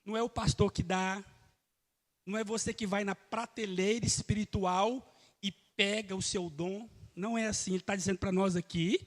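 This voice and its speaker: Delivering a live sermon in a reverberant church hall, a male pastor speaks at normal speed in a high voice with fairly even intonation. He preaches emphatically, calling out to the congregation.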